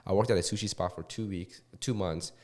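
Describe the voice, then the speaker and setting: A real estate investor in his twenties, with roots in Korea and California, speaks as a guest in a casual interview. He talks fast but haltingly, restarting often and using many fillers, in a low, steady, somewhat dark voice.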